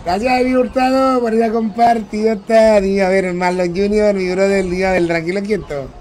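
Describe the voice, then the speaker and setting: A man's voice: high-pitched, steady tone, normal speed, a little mellow, a little hiss or hum. A young man streaming a game live, chatting in a laid-back way, repeating himself and greeting viewers by name. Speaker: gaming streamer.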